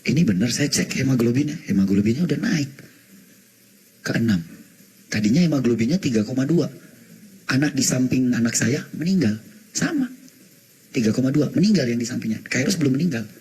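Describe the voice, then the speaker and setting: Seorang pria membagikan kesaksian pribadi dengan penuh emosi, menirukan percakapan dan kadang berteriak gembira, sesekali menyelipkan kata bahasa Inggris. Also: male voice, mid-range voice, a little fast, pauses often, breathy edge. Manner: animated storyteller, acts out dialogue, shouts in excitement; mixes in English words. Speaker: testimony speaker. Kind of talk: emotional personal testimony.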